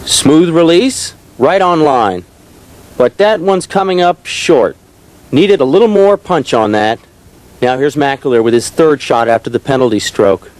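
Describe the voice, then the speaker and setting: A man giving golf-style play-by-play commentary, describing each shot in a measured, descriptive way. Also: on the high side, expressive, darkish tone. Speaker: disc golf tournament commentator.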